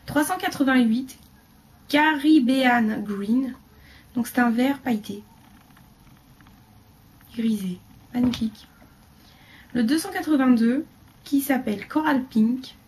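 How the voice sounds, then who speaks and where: A woman's voice: slow, pauses often, darkish tone. Chatty woman showing off a beauty haul. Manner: chatty, rambling with many fillers and trailing off into low asides. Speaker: beauty vlogger. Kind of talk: casual haul video.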